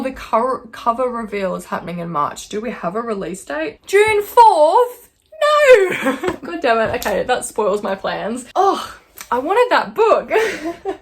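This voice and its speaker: A woman book vlogger chatting to camera at home by her bookshelf, excitable and thinking out loud. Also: medium pitch, creaky. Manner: excitable and chatty, thinks aloud, with bursts of squealing. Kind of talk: casual chat to camera.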